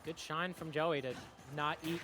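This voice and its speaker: A young man doing live play-by-play commentary on a fighting game tournament, excitable, with lots of fillers and quick reactions. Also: fairly high pitch. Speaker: esports commentator. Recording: music playing behind.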